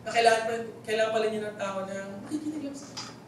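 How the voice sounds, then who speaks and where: A man's voice: sits high, very fast. Echoey Filipino preacher, storytelling man. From Philippines. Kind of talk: sermon. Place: church hall. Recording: very echoey hall, voice from far off, faint noise.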